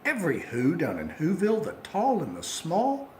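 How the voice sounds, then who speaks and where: A man's voice: on the high side, huge pitch swings, moderate pace, reverberant, a little hiss or hum. A man reciting a rhyming children's story from memory in a theatrical, sing-song way, on an amateur phone recording.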